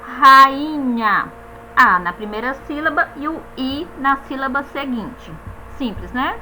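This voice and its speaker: High bright-voiced woman teaching grammar. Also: expressive, slight background noise, poor audio. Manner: stresses each example word slowly, spells out letters, tags "né?". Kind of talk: grammar lesson explanation.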